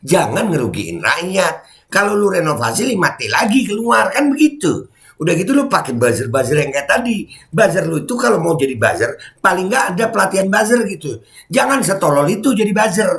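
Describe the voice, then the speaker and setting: A middle-aged man, heated and mocking, ranting as a commentary YouTuber and shouting when angry. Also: high voice, big pitch swings, fairly quick, gravelly.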